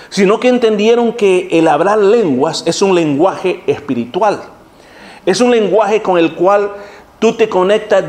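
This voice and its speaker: A man who is a pastor, giving a sermon-style Bible study to his congregation, addressing them as brethren and acting out scenes as he speaks. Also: sits high. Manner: animated preaching, acts out scenes.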